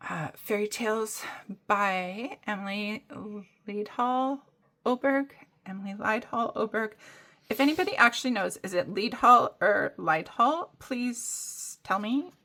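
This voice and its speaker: A woman's voice: medium pitch, slow pace, long pauses, pushed and bright. A woman casually chatting on a hobby vlog, rambling through her plans with lots of fillers and restarts. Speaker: coloring hobby vlogger. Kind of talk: casual show-and-tell chat.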